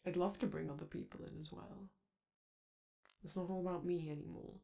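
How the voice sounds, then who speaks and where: The flamboyant male robot TV star in this romantic audio roleplay, vain and charming, speaks theatrically and flirts fondly with the listener. The performer uses a natural, mid-range voice that is creaky, dark, steady in tone and a little fast.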